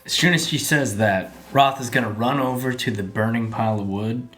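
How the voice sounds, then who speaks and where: A man's voice: medium pitch, a little fast, a bit bright. A man casually describing his moves as a player in a tabletop role-playing game. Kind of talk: casual improvised game chat.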